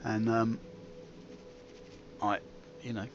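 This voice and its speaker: Rambling, dryly comic man, slightly low voice. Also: little pitch movement, very slow, highs cut off, a little hiss or hum. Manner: dry, self-mocking, digressive. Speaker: gaming video host. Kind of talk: rambling, comic game commentary.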